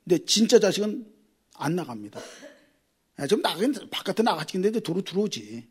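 A middle-aged male pastor preaching with a high, husky voice. He talks with great animation, his pitch leaping around as he jumps from loud exclaiming to hushed asides. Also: big pitch swings, fairly quick. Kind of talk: sermon.

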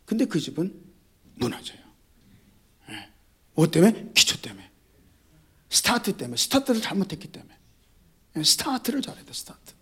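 A male pastor giving an animated sermon, addressing the congregation directly, repeating key words and mixing in jokes. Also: sits high, normal speed, long pauses, husky.

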